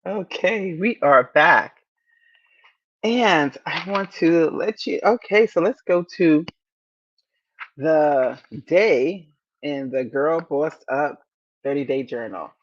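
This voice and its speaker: Slow-spoken woman in her fifties, podcast host. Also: low voice, lively intonation, lo-fi sound. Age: 50s. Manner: deliberate, repeats key phrases, encouraging. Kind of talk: motivational podcast talk.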